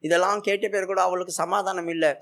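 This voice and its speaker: High, gravelly-voiced male preacher. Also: steady tone, fast talker, fairly bright tone. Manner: repetitive, emphatic storytelling preaching. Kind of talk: sermon.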